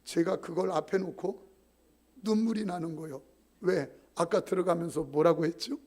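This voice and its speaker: Casting: male preacher, animated storyteller, high voice, husky and rough. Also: moderate pace. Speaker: pastor. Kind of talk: sermon. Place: church sanctuary.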